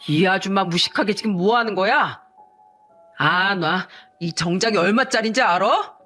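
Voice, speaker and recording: A woman's voice: mid-range voice, moderate pace, pushed and bright, soft background music. A woman reading the lines of a young male con-man fiancé, mocking and threatening in a synthetic-sounding voice. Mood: angry.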